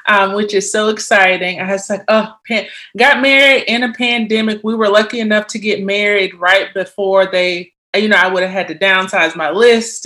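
A woman in her thirties from Mississippi speaks with a bright, sharp tone. She talks in a friendly, rambling way full of "um" fillers, as a guest on a video call from her home office. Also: mid-range voice. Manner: friendly, chatty, many "um" fillers. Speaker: interview guest, costume and wig artist. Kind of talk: conversational interview.

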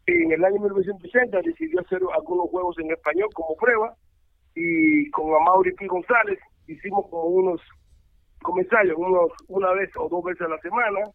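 An older man, a former ballplayer turned baseball analyst, telling stories in a rambling, animated way with many restarts. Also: sits high, fairly quick, gravelly, no room sound. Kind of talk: casual interview over the phone. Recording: tinny phone line, dry.

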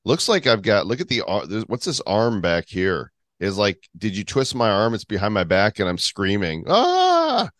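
A man with a very deep voice and a dry, close sound, casually co-hosting a podcast. He is easygoing, prompting and reacting to his partner over a video call. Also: lively intonation, moderate pace, hardly any pauses, a bit bright, no room sound. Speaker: podcast co-host. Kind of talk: casual chat.

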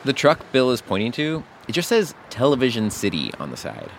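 A man's voice: mid-range voice, wildly swooping pitch, a little fast, creaky, slight background noise. A man co-hosting a radio show, narrating in a conversational, scripted way. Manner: conversational storytelling.

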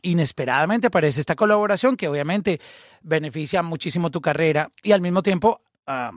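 High-voiced man asking probing questions. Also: fairly quick, dry recording, clean studio sound. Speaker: podcast host. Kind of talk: casual interview.

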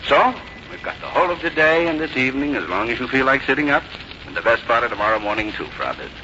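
In a muffled 1951 radio recording with hiss, an actor plays the middle-aged grown son of a 1950s American drama, a busy city businessman who is cheerful and placating. His medium-pitched voice is sing-song, fast, pushed, and bright, sounding hearty, affectionate, reassuring, and coaxing.

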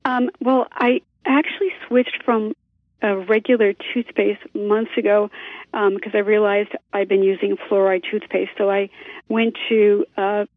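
A woman's voice: mid-range voice, level tone, unhurried, no echo. A woman calling in to a radio show, speaking hesitantly with many ums and a lisping, whistling s, over a tinny phone line. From New Jersey, US. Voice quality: lisp with whistling s from braces. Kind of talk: casual phone call. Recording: tinny, narrow telephone line.

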